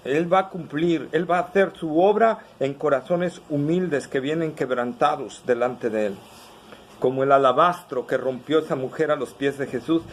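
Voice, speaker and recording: A man's voice: medium pitch, a little hiss or hum, low-quality recording. A pastor preaching a sermon, asking the congregation questions as he goes.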